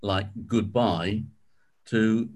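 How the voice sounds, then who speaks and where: Man, lowish voice, leading a Bible study in a relaxed conversational way, with plenty of ums and restarts. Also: very slow. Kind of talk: informal teaching talk.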